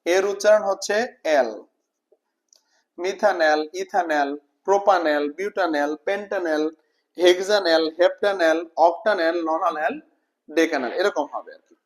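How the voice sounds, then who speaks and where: A man, teaching an informal exam-prep chemistry lesson, repeating terms slowly and asking students whether they follow. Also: sits high. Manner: repeats terms slowly, checks understanding with questions. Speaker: chemistry tutor.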